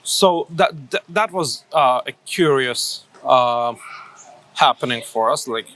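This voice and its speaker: A man's voice: mid-range voice, lively intonation, takes it slowly, fairly bright tone. A man from Turkey in his thirties, a coffee shop owner answering interview questions thoughtfully, with many fillers and restarts.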